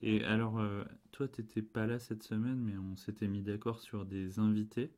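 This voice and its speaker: A man's voice: fairly low pitch, flat delivery, moderate pace, darkish tone. A man co-hosting a casual family podcast, talking patiently and drawing out answers with questions, sometimes translating English into French. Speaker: podcast co-host and parent. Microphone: desk podcast microphone.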